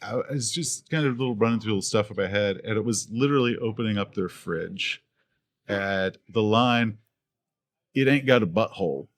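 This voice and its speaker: A man's voice: lowish voice, moderate pace. A man guest on a podcast, telling anecdotes in casual chat with frequent restarts, laughter and acted-out quoted voices. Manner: animated storyteller who acts out quoted voices. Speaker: podcast guest, video creator.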